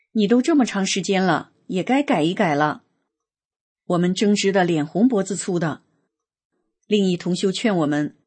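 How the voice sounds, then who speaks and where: A woman reading a spiritual testimony aloud in a measured, earnest way, slowing down on lists. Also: medium pitch, darkish tone, husky. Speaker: reader of a personal testimony.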